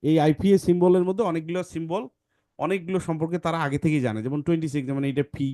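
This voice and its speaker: A man's voice: a little high, steady tone, fast talker, mellow, dry recording, studio quality. A man with a Bangladeshi accent teaching an online English phonics class, explaining sounds step by step and often checking whether the listeners follow. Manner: explanatory, asks rhetorical questions and checks understanding often. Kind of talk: online class lecture with screen share.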